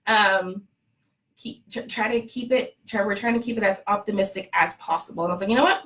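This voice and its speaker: A woman's voice: medium pitch, steady tone, fairly quick, fairly bright tone, rough recording. A woman with a Texan accent, telling a personal story in a casual live-stream chat, laughing often as she talks. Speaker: fertility clinic staffer sharing her story.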